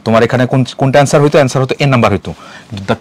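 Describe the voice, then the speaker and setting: Quick man explaining grammar. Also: medium pitch, steady tone. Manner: explanatory, reading English sentences slowly. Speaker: teacher. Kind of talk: exam solution lecture.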